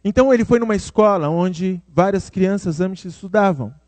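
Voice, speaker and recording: A man with a Brazilian Portuguese accent preaches a sermon conversationally, his voice high, brisk, and a little mellow with no echo. He addresses his listeners by name and acts out quoted voices.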